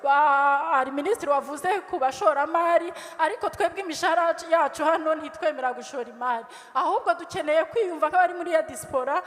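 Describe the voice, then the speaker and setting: High-voiced woman pleading in a hall. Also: fast talker, hardly any pauses. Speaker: audience member asking a question. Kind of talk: public question at a town hall. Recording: echoey hall.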